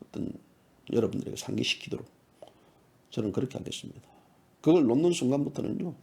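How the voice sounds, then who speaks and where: Fiery, gravelly man firing rhetorical questions. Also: mid-range voice, lively intonation, fast, a little mellow. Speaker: independent journalist and online commentator. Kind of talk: heated political commentary monologue.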